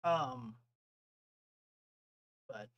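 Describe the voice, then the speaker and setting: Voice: medium pitch, extremely slow, lo-fi sound. A young streamer in casual chat with live viewers, rambling, laughing often and jumping from topic to topic.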